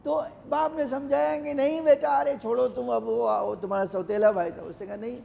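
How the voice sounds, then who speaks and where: A man's voice: very high voice, fairly even intonation, vocal fry, warm tone. A man, a cleric, telling a moral story in a sermon, emotive and acting out the characters' pleas, recorded in a large mosque hall. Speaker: cleric giving a Ramadan lecture. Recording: echoey hall, dull lo-fi sound, faint noise.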